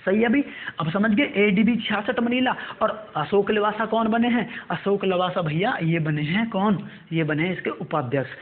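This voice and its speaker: A male coaching teacher, dictating current affairs notes and repeating each term slowly. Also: high voice. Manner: repetitive, drills terms slowly for note-taking. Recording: tinny phone-like audio.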